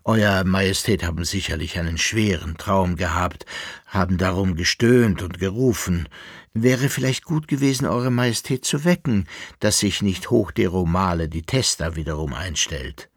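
A man's voice: low voice, normal speed, slightly rough, no room sound, studio quality. A man doing a fussy servile valet. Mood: officious. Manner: deferential, officious.

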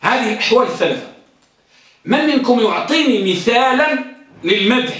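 A man teaching an Arabic grammar lesson in a classroom. He quizzes his students and repeats examples slowly. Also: very high-pitched, expressive, a bit bright. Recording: very echoey classroom from far off.

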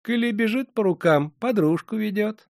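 A man's voice: high-pitched, normal speed, a little mellow, no room sound, clean studio sound, voice pushed up. A man voicing an old female moneylender who talks in a sly, honeyed way. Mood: sugary, wheedling. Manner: honeyed, wheedling.

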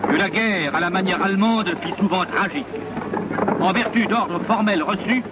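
High-voiced man in an old newsreel. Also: normal speed, dull audio. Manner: solemn, declamatory delivery. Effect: old newsreel soundtrack played from an archive. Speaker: newsreel commentator. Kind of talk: 1940s newsreel narration. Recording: old newsreel film sound with loud noise.

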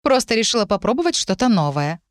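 A woman playing a brisk, protective mother. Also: medium pitch, very animated, no room sound, clean studio sound, pitched above the performer's own voice, lightly acted. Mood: reassuring. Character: middle-aged mother, baker, protective.

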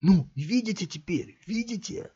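A man's voice: mid-range voice, very animated, measured pace, darkish tone, breathy edge, voice pushed up. A man voicing a young male street thug in a cap, a mocking and menacing bully. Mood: excited. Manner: mocking, snarling, barked threats. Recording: dull lo-fi audiobook recording.

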